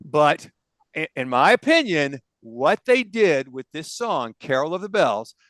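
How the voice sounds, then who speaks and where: A man's voice: on the high side, sing-song, a little slow, a bit bright, no room sound, low-quality recording. A man hosting a casual music debate show, opinionated and enthusiastic as he tells stories. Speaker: podcast host. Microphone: on camera, video call.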